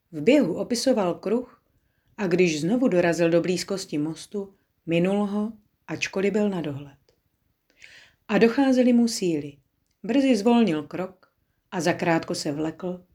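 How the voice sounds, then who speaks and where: A woman with a fairly low voice reads a children's story aloud for an audiobook. Her delivery is calm and measured, with an unhurried narrating rhythm.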